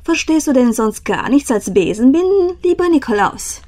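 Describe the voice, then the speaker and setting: A kindly, commanding winter spirit from an old storybook, as a woman reading aloud puts her on. She questions with friendly persistence, her voice lifted high and bright. It sounds gently theatrical. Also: sing-song, moderate pace.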